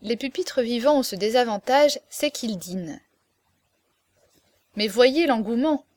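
A woman reads a classic novel aloud with lively, expressive storytelling. Her voice sits a little higher than most. The sound is dry and close, with no room echo. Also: unhurried. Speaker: narrator. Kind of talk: audiobook reading of a classic novel.

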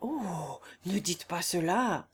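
A woman voicing a gentle young woman who pleads earnestly. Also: lowish voice, lively intonation, slow, husky, full character voice. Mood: pleading.

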